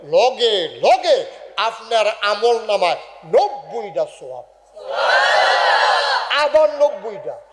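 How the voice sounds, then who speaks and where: A man gives a humorous sermon, quizzing and teasing the crowd in call-and-response, shouting some words and singing others. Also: high voice, in a large hall. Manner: shouts key words, sings some phrases. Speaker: Islamic preacher. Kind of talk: humorous sermon at a religious gathering. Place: large religious gathering over loudspeakers.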